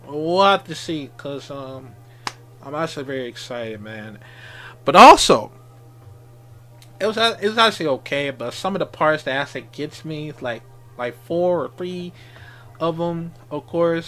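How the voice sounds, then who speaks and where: A man giving a casual off-the-cuff wrestling recap as a fan, halting and repetitive, with slangy exclamations. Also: a little high, pushed and bright.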